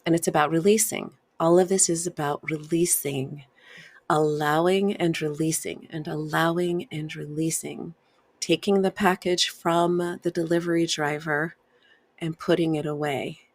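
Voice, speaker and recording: A woman hosting a wellness podcast, gently guiding listeners through emotional release steps, laughing and sighing often. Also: sits low, steady tone, a little slow, dry recording. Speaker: podcast host and wellness coach. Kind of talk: solo podcast teaching.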